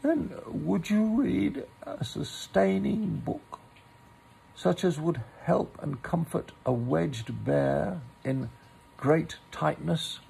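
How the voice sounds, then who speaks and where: A man voicing an anxious, gloomy, slow-witted toy bear in a slow, hesitant way for a children's storybook. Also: a little high, expressive, gravelly, a little mellow, breathy edge, pitched above the performer's own voice, full character voice, low-quality recording.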